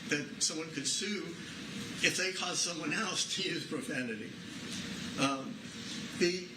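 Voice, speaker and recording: A man's voice: fairly high pitch, measured pace. A man, a defense attorney, giving a methodical closing argument to a jury, repeating points for emphasis, heard in a courtroom recording. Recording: distant echoey courtroom audio, loud noise.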